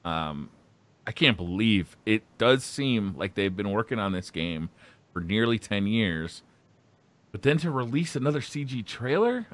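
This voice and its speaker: A man's voice: lowish voice, animated, a little slow, a bit bright. A man co-hosting a casual gaming chat show, talking enthusiastically with lots of filler words. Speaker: podcast co-host.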